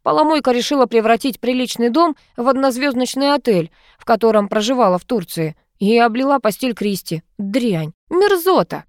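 A flustered, blunt housekeeper, as a woman narrator puts her on in an audiobook. She mumbles and talks crudely, in a high, lively voice. The recording is dry. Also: normal speed, hardly any pauses, no room sound, close to an everyday voice. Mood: indignant. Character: flustered, rude middle-aged housekeeper.

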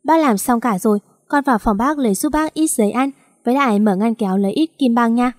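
A woman voicing a kindly middle-aged mother who makes gentle, homely requests, read in a storytelling voice. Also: on the high side, quick pace, no room sound, studio quality, lightly acted.

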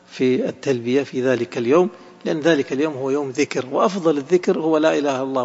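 A man's voice: on the high side, vocal fry, long reverb tail, dull audio. A man teaching a religious lesson, explaining a text line by line and asking his listeners questions to check they follow. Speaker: Islamic scholar teaching hadith.

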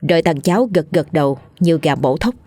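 A woman, narrating a scripted ghost story in a steady reading voice. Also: sits low, fairly quick, no room sound, soft background music.

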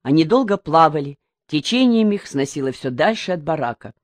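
A woman reading a novel aloud as an audiobook narrator, in an even, measured way. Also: low-pitched, dry recording. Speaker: audiobook reader.

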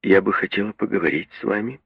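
A man voicing a proud young woman, prim and icy in manner, who breaks into sobbing, shrill outbursts, in a literary reading. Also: fast talker, creaky, husky, no echo. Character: proud young woman, stiff, then hysterical. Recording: dull, muffled radio recording.

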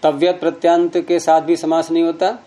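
A man's voice: on the high side, monotone, normal speed, warm tone. A man teaching Sanskrit grammar, patiently explaining rules step by step with examples and repeating key terms.

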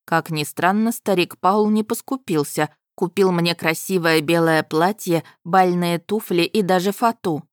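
Woman, first-person story narration, wry lively reading, lowish voice, dry close mic. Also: unhurried, hardly any pauses, dry recording.

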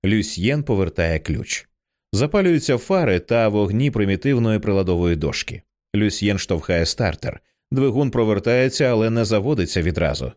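A man narrating a screenplay as an audiobook reader, in a dramatic and expressive way. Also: fairly low pitch, normal speed.

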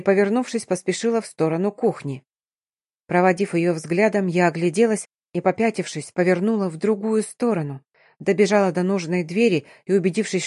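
A woman narrating a novel in first person, in a brisk, tense storytelling style. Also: on the low side, dark tone, no echo, clean studio sound. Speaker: audiobook narrator.

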